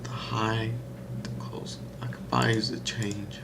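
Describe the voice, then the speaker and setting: A man's voice: on the low side, completely flat delivery, normal speed, vocal fry, heavy background noise. A young man talking loosely on a live trading stream, rambling and saying "bro" and "like" a lot. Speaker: day-trading livestreamer. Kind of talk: casual live-stream chat.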